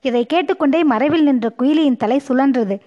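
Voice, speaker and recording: A woman reading a story aloud as an audiobook narrator, with steady, expressive narration. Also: high voice, fairly quick, highs cut off.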